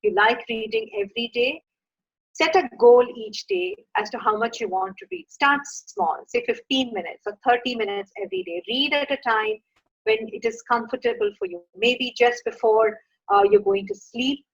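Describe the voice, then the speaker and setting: A middle-aged Indian woman who founded a children's reading program speaks at a workshop, earnestly advising parents with frequent "uh" and "you know." Her voice is a little high, expressive and slightly rough, at a moderate pace. The lo-fi recording sounds dull.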